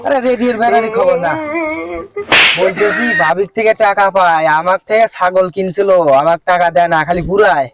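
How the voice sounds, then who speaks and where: A man's voice: high voice, fairly quick, a bit bright. An actor playing a pushy village goat seller who keeps pressing a neighbour for money he is owed. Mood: demanding. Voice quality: insistent, demanding. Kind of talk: comic short-film acting.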